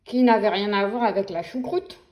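A woman reading a children's book aloud in a playful, animated storytelling voice with sound effects. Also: mid-range voice, moderate pace, muffled recording. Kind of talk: expressive read-aloud for children.

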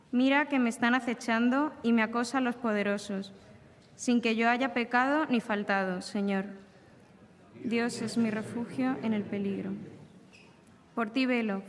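Woman reading solemnly in cathedral echo. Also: on the high side. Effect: long cathedral-like reverb. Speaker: lector reading at Mass. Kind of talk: liturgical reading of scripture and psalm. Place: large shrine chapel. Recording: echoey shrine chapel reverb.

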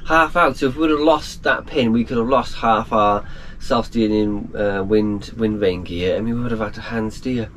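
A man's voice: fairly low pitch, normal speed, few pauses. A man in his thirties talking casually to a handheld camera on a small sailboat at sea, plain and matter-of-fact. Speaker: sailing vlogger. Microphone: action camera at arm's length. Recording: loud wind and sea noise. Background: wind and waves.

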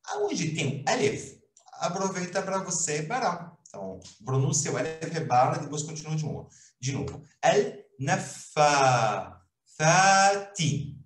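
A man teaching Arabic in a recorded online lesson, explaining slowly and haltingly with many restarts. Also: fairly high pitch, very animated, roomy sound. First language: Portuguese.

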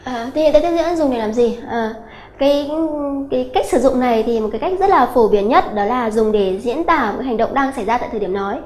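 A woman English teacher giving an exam-prep grammar lesson, explaining slowly and repeating key points with many hesitant fillers. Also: a little high, animated, a little mellow, a little hiss or hum. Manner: slow, repetitive explaining with many filler "à" sounds.

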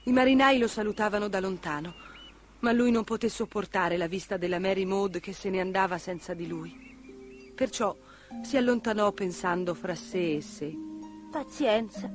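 Expressive woman reading a children's story. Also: mid-range voice, normal speed, soft background music.

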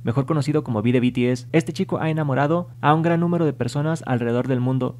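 A man reading scripted entertainment news in Spanish-language narration with an even, read-aloud delivery. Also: medium pitch, fast. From Spanish-speaking.

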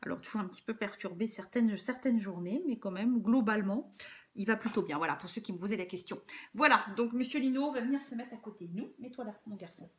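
A woman's voice: mid-range voice, fast, slight background noise. A woman giving a casual, chatty tarot card reading as host, with frequent fillers and restarts.

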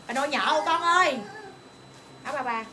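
A young woman runs a clothing sale livestream, pitching item after item in a high, bright voice. She talks fast and eagerly, calling out to viewers. A faint hum of noise sits behind her. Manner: rapid, excited hawking, calls to viewers and staff. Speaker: online clothing seller.

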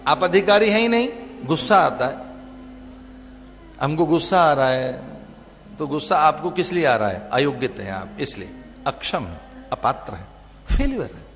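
High-voiced man preaching in a hall. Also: big pitch swings, moderate pace, long pauses, a bit bright. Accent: Hindi, north Indian. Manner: emphatic, repetitive lists, rising and falling delivery. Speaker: spiritual teacher giving a discourse. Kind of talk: Hindi religious discourse. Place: large venue. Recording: reverberant hall with faint music.

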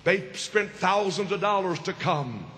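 A high, bright-toned man preaches a fervent revival sermon at an outdoor rally. He speaks slowly and plainly, repeats his phrases, and lifts into shouted calls. The loudspeaker sound rings out with a long, echoey tail over faint background noise. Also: animated. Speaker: visiting bishop and evangelist. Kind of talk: open-air revival sermon. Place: outdoor park rally through a PA. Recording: echoey open-air PA with crowd noise.

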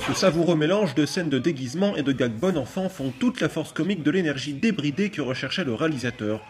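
A man with a fairly high voice reads a scripted voice-over narration. The delivery is smooth and promotional. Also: lively intonation, fast, faint music behind.

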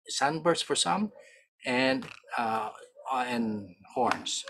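Man, Filipino accent, academic lecture, halting, self-correcting, video call. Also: medium pitch, fairly bright tone, a little hiss or hum. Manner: halting, many self-corrections and tag "right?". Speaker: archaeologist giving a keynote. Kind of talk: academic lecture over slides.

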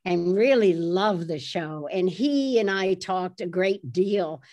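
A woman author being interviewed, telling behind-the-scenes stories in a lively, animated way and laughing easily. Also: fairly low pitch, slow pace. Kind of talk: anecdotal storytelling in conversation.

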